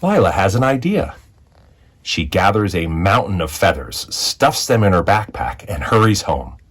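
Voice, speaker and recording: A man, a school executive serving as read-aloud storyteller, narrates a children's picture book expressively with deliberate, dramatic phrasing. His voice is low with a breathy edge.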